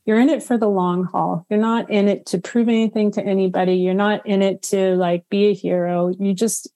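A middle-aged woman farmer talking in a relaxed interview, reflective and unhurried, with frequent "um"s. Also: mid-range voice. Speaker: guest homestead farmer. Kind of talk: casual conversational interview.

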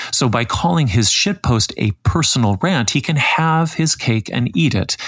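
A man hosting a podcast, reading scripted commentary in a measured, critical way. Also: lowish voice, creaky, no echo. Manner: measured, critical, reads quotes aloud. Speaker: podcast host.

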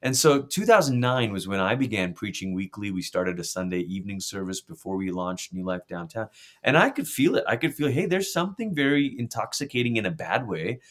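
This middle-aged Malaysian pastor and author has a lowish, sing-song voice and talks fairly quickly. In a conversational interview he sounds earnest and reflective, frequently restarting his phrases.

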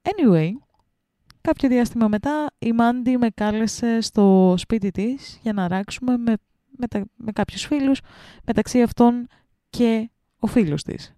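A woman co-hosting a podcast, reading a listener's story aloud with lively, animated delivery and chatting casually. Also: on the high side, dry recording, studio quality. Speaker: podcast co-host.

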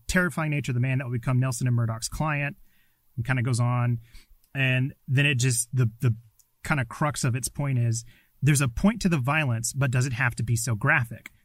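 A man's voice: mid-range voice, no room sound. Casual male podcast host, dry closet sound. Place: small closet at home.

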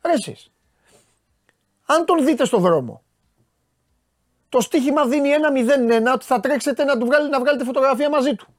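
A man's voice: very high voice, lively intonation, pauses often, no room sound, clean studio sound. A man with a Greek accent hosting a sports talk show, casually and exasperatedly scolding his viewers with rhetorical questions. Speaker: sports commentator host.

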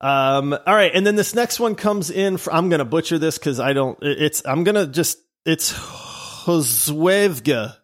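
A man's voice: on the high side, animated, unhurried, few pauses. A man co-hosting a casual gaming podcast, enthusiastic and stumbling over restarts as he reads listener reviews. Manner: enthusiastic, trips over names, restarts often. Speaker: podcast co-host.

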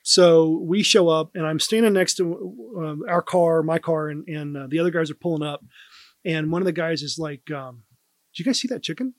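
A man's voice: fairly high pitch, moderate pace, dry recording. Man telling a story on a podcast, dry close mic. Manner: relaxed anecdote teller, lots of "like" and "um". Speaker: first responder guest.

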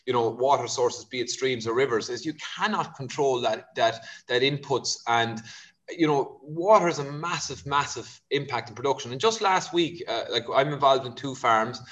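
A man from County Kerry, Ireland, with a west of Ireland accent, explains things conversationally as an expert vet, tossing in informal asides. His voice is medium-pitched with a fairly bright tone.

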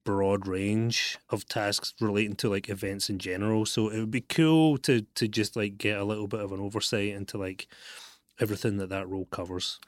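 A podcast host with a lowish voice asks long, loose, rambling interview questions in a casual, brisk way, peppering them with "like" and "you know." His intonation is fairly even, and the sound is clean studio audio with no room sound.

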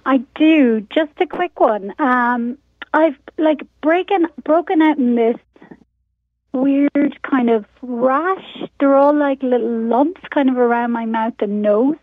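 An Irish woman calls in to a radio show, her voice squeezed thin through a phone line. She talks casually and chattily, dotting her sentences with "like", in a fairly high voice. The line is dry, with no room sound around her. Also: slow pace, no echo. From Ireland. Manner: chatty and casual, with frequent fillers like "like". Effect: caller heard over a phone line. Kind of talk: casual chat.

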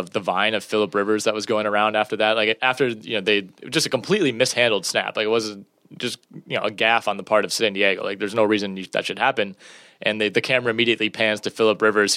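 Male podcast co-host, lowish voice, talky and meandering, dry close mic. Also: sharp tone, clean tone, dry recording. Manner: chatty, rambling, many fillers. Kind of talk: casual sports chat.

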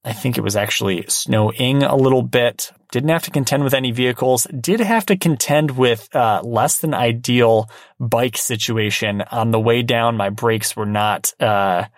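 A man co-hosting a casual podcast, talking in a relaxed, wry way with plenty of restarts. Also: mid-range voice, moderate pace, hardly any pauses, no room sound, studio quality. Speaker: podcast co-host. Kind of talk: casual chat.

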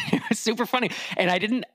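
A man co-hosting a podcast in casual chat, telling stories in an animated, chatty way and laughing often. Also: high-pitched, brisk, no room sound. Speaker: podcast co-host.

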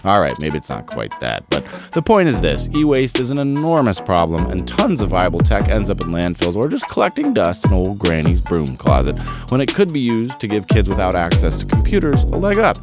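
A man's voice: low-pitched, brisk, loud music behind the voice. A man hosting a podcast interview, reading a scripted intro and then joking in a self-deprecating way. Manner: jokey, self-deprecating, animated. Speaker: podcast host.

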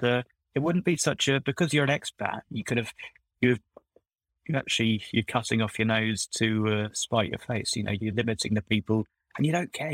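A man's voice: mid-range voice, fairly bright tone, dry recording, rough recording. A middle-aged man, a former recruiter turned coach, chatting on a podcast in a rambling, self-correcting storytelling manner. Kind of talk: casual podcast conversation.

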